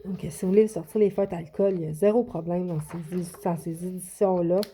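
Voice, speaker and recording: Chatty Québécois woman with mellow voice. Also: lowish voice, fairly even intonation, normal speed, a little hiss or hum. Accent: Québécois French. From Quebec. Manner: chatty, hesitant, many fillers and restarts. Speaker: coloring book YouTuber. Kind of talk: casual show-and-tell vlog.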